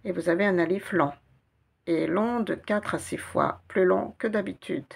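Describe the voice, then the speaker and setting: A woman patiently teaching Arabic reading, spelling out letters and repeating syllables slowly. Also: lowish voice, gravelly, slightly rough. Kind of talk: guided reading lesson.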